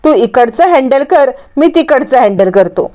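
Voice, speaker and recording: A grown son, read by a woman narrator reassures his mother in a calm, matter-of-fact way. The voice sits high. It comes through a dull lo-fi recording. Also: measured pace. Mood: reassuring.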